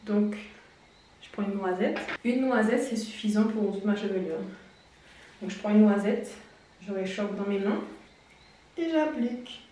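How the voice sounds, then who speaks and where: Woman vlogger, casual explainer, mid pitch, distant and roomy sound. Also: unhurried, long pauses, dark tone, slight background noise. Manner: chatty, explanatory, laughs at herself. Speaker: beauty vlogger. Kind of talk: casual hair-care tutorial. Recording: very echoey room, distant mic.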